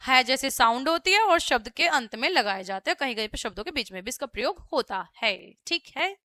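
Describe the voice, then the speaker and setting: A young woman teaches a children's grammar lesson, patient and methodical, walking through each example in turn. Her voice sits high and bright. The recording is close and dry, with no room sound. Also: animated, fairly quick, dry recording. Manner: patient, explains step by step, often says "theek hai".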